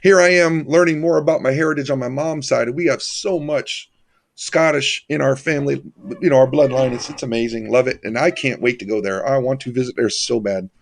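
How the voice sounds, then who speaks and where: A man's voice: medium pitch, brisk, creaky. A man hosting a livestream, chatting casually in a folksy, familiar way with his viewers. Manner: folksy, familiar, addresses viewers as buddy and brother. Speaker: livestream host.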